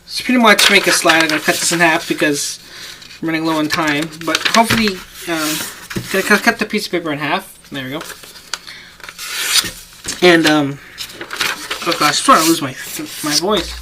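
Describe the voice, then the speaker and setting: With a voice on the high side, moderate in pace and full of frequent pauses, a man explains a paper craft step by step in a casual tutorial. He rambles and breaks into his own sentences while working. Clicks and noise run through the home camera recording.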